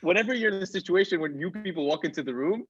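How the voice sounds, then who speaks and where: Casting: husky young male, slangy teasing podcast chat, heard on a slightly muffled lo-fi recording. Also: high-pitched, animated, quick pace. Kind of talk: casual teasing banter. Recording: dull, slightly lo-fi sound.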